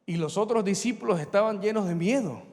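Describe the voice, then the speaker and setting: A middle-aged pastor delivers a sermon, performing Bible dialogue in altered voices and having the congregation repeat after him. His voice is high-pitched, fairly quick and a little mellow. The long reverb of a large hall fills the recording.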